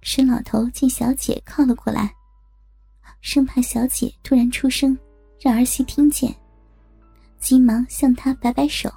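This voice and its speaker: A woman reading scripted story narration in a soft, breathy, creaky voice. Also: high voice, steady tone, measured pace, long pauses, faint music behind.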